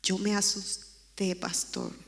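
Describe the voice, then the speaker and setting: A woman recounts her personal testimony in a church sanctuary, speaking with earnest emotion. Her voice is bright and forward, and the room gives it a long, ringing reverb. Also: medium pitch, little pitch movement, slow, gravelly. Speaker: church member giving testimony.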